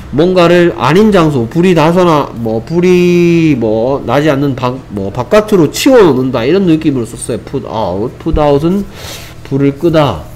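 A man's voice: a little high, a little mellow, slight background noise. A man teaching an English vocabulary lesson. He explains step by step, repeats each phrase, and mixes English examples into his explanations, speaking English with a Korean accent.

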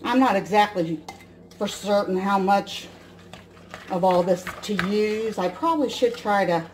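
A woman in her forties from the US Midwest casually explains a recipe step by step while cooking at home, her mid-range voice a little slow and darkish in tone. The counter camera mic adds a bit of hiss or hum.

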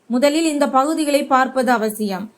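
A woman's voice: high-pitched, normal speed, natural voice. A woman voicing an anxious, grieving father in a story, in a pleading, distraught way.

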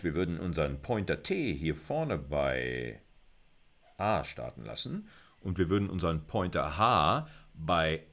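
A middle-aged university computer science lecturer with a low voice teaches in an informal, conversational style. He thinks aloud as he goes, posing questions to himself and then answering them.

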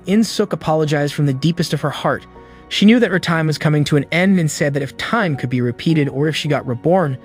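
A man tells a film's story as a scripted voice-over, in an even storytelling delivery. His voice sits a little high for a man. Soft background music plays faintly under his words. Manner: steady storytelling recap delivery. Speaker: movie recap narrator. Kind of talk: scripted narration.

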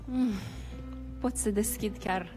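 Soft-spoken reflective woman poet. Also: medium pitch, music in the background. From Moldova. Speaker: poet, guest. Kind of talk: thoughtful interview answers.

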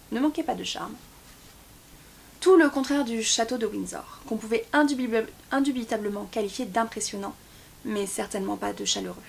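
A woman reading a novel chapter aloud in a steady voice, with small slips and restarts now and then. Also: fairly high pitch, gravelly, a little hiss or hum. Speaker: book YouTuber.

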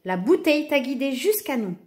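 A woman voicing a kind male sea god king in a storybook, speaking in a calm, regal way. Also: high-pitched, a little fast, voice pushed up.

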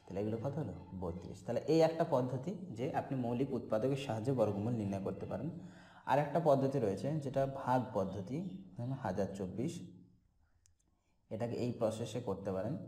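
A male teacher walks through a maths method one step at a time. His tone is mellow and warm, and he keeps pausing to check in with short questions to the viewer. The sound carries a roomy echo. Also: mid-range voice.

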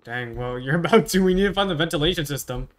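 A man's voice: fairly high pitch, animated, quick pace. A man chatting casually while playing a game with friends, joking and laughing often. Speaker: game player. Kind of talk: casual gaming chat.

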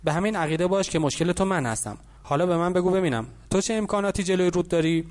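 A man voicing a wealthy, confident older mentor who lectures calmly in an audiobook. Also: high voice, natural voice. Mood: lecturing.

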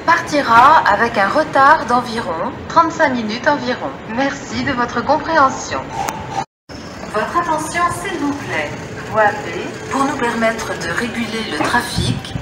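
Woman's formal station PA announcement. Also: a little high. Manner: even, formal and scripted. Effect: over a station PA loudspeaker. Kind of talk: recorded standard announcement. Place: large train station hall. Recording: echoey station hall, very noisy. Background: loud station ambience and trains.

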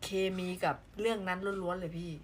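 A playful woman from southern Thailand hosts a casual live stream and greets viewers as their comments roll in. Her talk is quick to burst into exclamations, with a faint hiss of noise underneath. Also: lowish voice, fairly even intonation. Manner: chatty and playful, with frequent exclamations.

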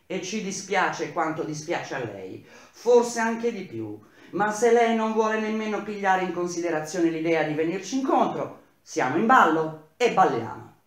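A man's voice: high-pitched, animated, measured pace, hardly any pauses, pitched above the performer's own voice. A man voicing a determined male bricklayer who speaks firmly and earnestly for his fellow strikers. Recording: very echoey room.

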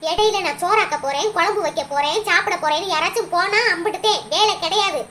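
A woman's voice: very high-pitched, fast, bright, forceful tone. A woman voicing a bossy village work supervisor who scolds and threatens the workers. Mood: scolding. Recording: noisy cartoon audio.

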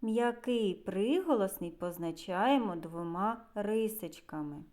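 A woman's voice: mid-range voice, animated, takes it slowly, darkish tone. A woman kindergarten teacher with a Ukrainian accent, giving a literacy lesson to young children and stretching out and repeating words so they can follow.

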